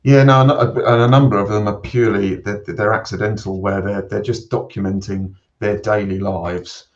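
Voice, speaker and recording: A male panelist answering in a measured way, repeating words as he thinks. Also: fairly low pitch, steady tone. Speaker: guest panelist. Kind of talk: interview answer. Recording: distant dull remote mic.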